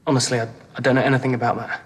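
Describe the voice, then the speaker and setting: A young man playing a nervous, defensive suspect who answers questions in a hurried way. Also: mid-range voice, flat delivery, slightly rough, close to an everyday voice.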